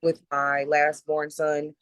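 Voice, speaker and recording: A woman from South Dallas, answering interview questions in a soft-spoken, plain, halting way. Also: sits low, monotone, clear, resonant tone, no room sound. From South Dallas, Texas. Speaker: interviewee, mother. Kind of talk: personal interview.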